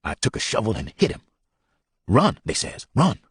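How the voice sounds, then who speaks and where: Man doing a grieving runaway father, low. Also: wildly swooping pitch, breathy edge, no echo, clean studio sound, exaggerated voice. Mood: anguished. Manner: broken grammar, halting, hushed.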